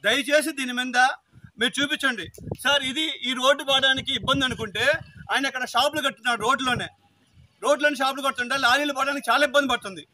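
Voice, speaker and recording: A man's voice: very high voice, fairly even intonation, fast talker, bright, forceful tone, a little hiss or hum. A man, angrily complaining to officials outdoors and pleading for action. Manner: agitated, pleading, repetitive. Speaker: local villager complaining.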